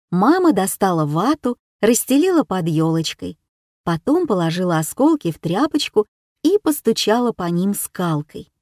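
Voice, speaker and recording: A woman reading a children's story aloud in the first person, unhurried and warm. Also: a little high, no room sound, studio quality. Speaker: narrator.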